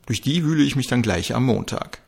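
A man's voice: mid-range voice, lively intonation, gravelly, voice pushed up. A man voicing a busy male police colleague reporting to his boss. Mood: brisk. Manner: brisk reporting.

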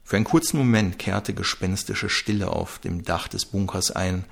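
A man's voice: low-pitched, normal speed, gravelly. A man reading a crime story aloud, narrating with drama.

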